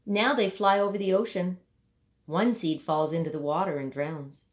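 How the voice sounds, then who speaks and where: A woman's voice: fairly low pitch, fairly even intonation. Woman reading a children's storybook expressively. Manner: measured, dramatic emphasis and pauses for young listeners. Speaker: storybook reader. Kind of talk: expressive children's picture book read-aloud.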